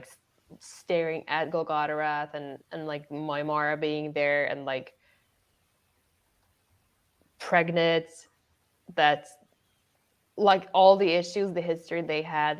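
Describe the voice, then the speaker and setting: A woman's voice: low-pitched, smooth. A woman co-hosting a casual book podcast, hesitant and full of restarts and fillers. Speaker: podcast co-host. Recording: dull lo-fi audio.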